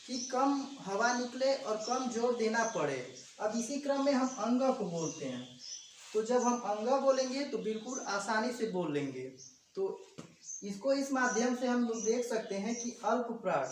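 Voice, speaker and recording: A grammar teacher giving an exam-prep video lesson, explaining step by step and sounding out letters slowly, addressing viewers as friends. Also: medium pitch. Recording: echoey room, distant mic, faint background hum.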